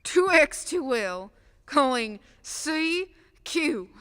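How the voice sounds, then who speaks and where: A woman plays a worried ham radio operator in a stage radio play, sending out a ham radio call and repeating call signs slowly. Her voice is high and bright. She sounds distant, in a hall with long reverb. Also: very animated, full character voice. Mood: anxious calling. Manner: slow, insistent repeated calling.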